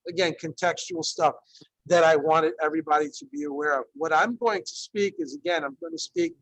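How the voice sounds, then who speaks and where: Over a video call, an Ecuadorian Spanish teacher in his fifties runs an online workshop in a chatty way, full of fillers and regular check-ins. He speaks fairly quickly in a higher, slightly bright voice, and the dry recording has poor audio.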